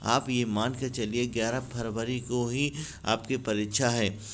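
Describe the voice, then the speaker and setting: A man's voice: medium pitch, steady tone, measured pace, slight background noise. A man teaching grammar for an exam from handwritten notes, calling viewers friends and asking and answering his own questions. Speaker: exam-prep YouTube teacher.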